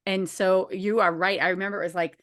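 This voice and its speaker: A woman in her forties hosting a casual conversation about behavior analysis, animated and quick to laugh. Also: medium pitch. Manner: animated, laughs often, acts out quotes.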